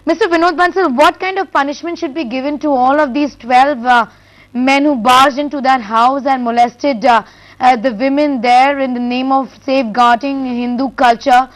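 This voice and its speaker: A woman's voice: sits high, steady tone, normal speed, low-quality recording. A woman with an Indian accent moderating a live news debate, firm but polite as she steps in.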